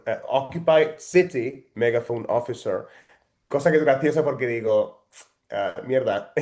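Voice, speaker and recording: A man's voice: mid-range voice, darkish tone. A man, an actor telling stories in a casual interview, with lots of hesitations. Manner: chatty storyteller, frequent hesitations. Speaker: actor guest.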